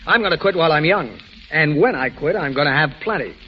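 An actor playing Jock, a busy, dismissive advertising husband in a 1940s radio drama, on a dull old recording. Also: male voice, on the high side, animated, fast, slight background noise, lightly acted. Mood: jaunty.

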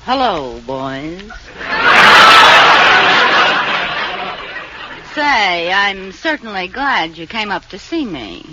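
An actress playing a scheming, theatrical wife who puts on a mad act in a radio comedy. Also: female voice, mid-range voice, sing-song, slow. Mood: flirtatious. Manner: melodramatic, mocking. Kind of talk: old-time radio situation comedy acting. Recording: dull, very noisy old radio recording.

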